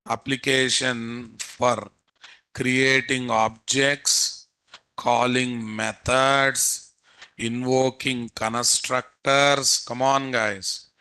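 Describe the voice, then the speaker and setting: Slow, bright-voiced Indian Telugu-accented male instructor. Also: medium pitch, clear, resonant tone. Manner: prodding, repetitive rhetorical questions. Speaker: programming instructor. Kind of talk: live technical lecture quizzing students.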